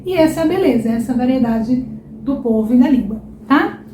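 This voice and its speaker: A woman's voice: sits high, lively intonation, fairly quick, mellow. A young woman from São Paulo with a Paulista accent gives an online Portuguese pronunciation lesson and keeps checking in with "tá?" and "ok?". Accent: São Paulo Brazilian Portuguese. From São Paulo, Brazil. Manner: explanatory, often checks in with "tá?" and "ok?". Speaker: Portuguese teacher. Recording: echoey room, faint background hiss.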